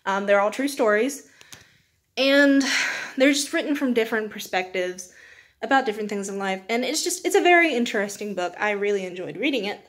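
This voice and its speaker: Speaking a little fast in an animated, mid-range voice, this young book reviewer chats on camera as a video host. Her talk is loose and informal, full of self-deprecating asides and little laughs.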